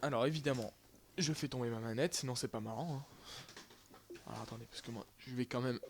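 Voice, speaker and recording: A man's voice: medium pitch, fairly even intonation, brisk, background noise. A young man giving casual, rambling live commentary over his own gameplay, with lots of fillers and restarts. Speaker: gaming YouTuber.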